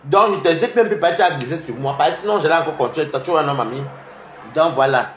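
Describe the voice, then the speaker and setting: A man's voice: a little high, fast talker, a bit bright, a little hiss or hum. A man, a social media commentator delivering a heated, taunting and combative rant. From Cameroon. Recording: roomy echoey room.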